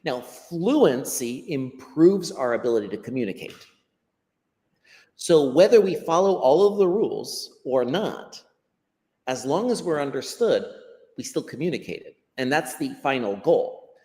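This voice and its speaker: A guest teacher from the United States with a Western American accent explains his ideas unscripted over a video call, thoughtfully and often repeating words as he gathers his thoughts. His mid-range voice is mellow and unhurried, with big pitch swings, and the recording carries long hall-like reverb.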